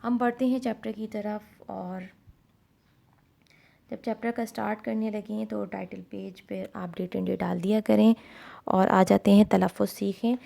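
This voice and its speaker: Gravelly-voiced woman teaching a class. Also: mid-range voice, steady tone, mellow. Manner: explains slowly with many fillers, mixes English words. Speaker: Urdu tutor. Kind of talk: online class lesson.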